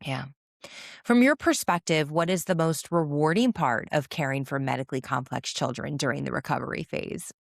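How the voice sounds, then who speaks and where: A woman's voice: deep voice, normal speed, creaky, dry recording, clean studio sound. A woman hosting an interview podcast, asking questions and responding in an affirming, enthusiastic way. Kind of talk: interview conversation.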